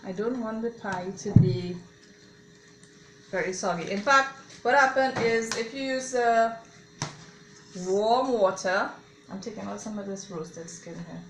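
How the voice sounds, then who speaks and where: An adult mother casually walks viewers through a home recipe, chatting easily in a voice of ordinary pitch for a woman, speaking a little slowly with long pauses. Her echoey kitchen rings with clattering dishes, cutlery, pans and a blender, plus slight background noise.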